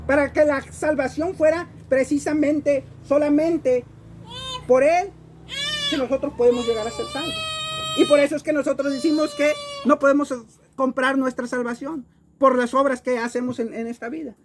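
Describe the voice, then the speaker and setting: A woman's voice: high-pitched, animated, moderate pace, slight background noise. A Mexican woman preaching a Bible-study sermon in an emphatic way, often repeating words as she searches for the next phrase.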